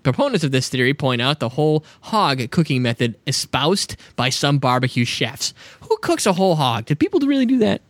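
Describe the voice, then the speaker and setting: A man's voice: on the high side, sing-song, brisk, no room sound. A man hosting a casual chat, reading facts aloud with joking asides and frequent laughs. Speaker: podcast host.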